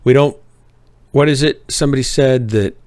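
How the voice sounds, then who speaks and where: A man's voice: mid-range voice, moderate pace, darkish tone, no room sound. A man hosting a live game stream, chatting casually in a joking, drily teasing way. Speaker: streamer and host.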